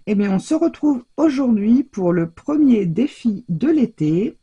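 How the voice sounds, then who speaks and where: Woman, crafting vlog host, rambling chatty talk, mellow tone, slightly husky. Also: fairly high pitch, sing-song, unhurried, highs cut off. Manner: chatty, rambling, many fillers and self-corrections. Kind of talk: casual crafting tutorial chat.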